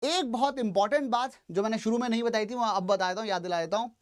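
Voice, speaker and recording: A man's voice: high-pitched, fast talker. A man teaching a class at a board, walking through each step in order. He speaks Hindi, drops in English phrases, and keeps checking whether his students are following. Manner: addresses students directly, checking understanding.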